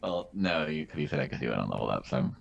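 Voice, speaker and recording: A man with an extremely deep, heavily gravelly voice that swings widely in pitch, heard through robotic, glitchy voice-chat audio. He talks offhandedly and jokes with the table, often pausing on "uh". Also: big pitch swings, lo-fi sound. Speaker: player. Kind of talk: casual tabletop game chat.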